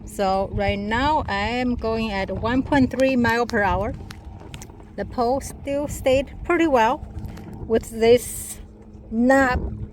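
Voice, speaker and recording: A woman whose voice runs on the high side takes her time narrating a hands-on product test aboard a small motorboat. She demonstrates in short, broken remarks while the noisy recording picks up the boat and water.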